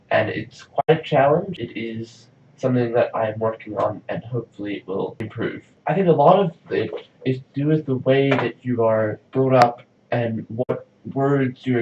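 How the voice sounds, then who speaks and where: A man's voice: medium pitch, a little mellow, slight background noise. A young man from South Africa rambling casually in a video diary, leaning heavily on "like". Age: young adult. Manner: rambling, chatty, says "like" often. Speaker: vlogger. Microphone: camera mic from a distance. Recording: roomy, distant, dull lo-fi sound.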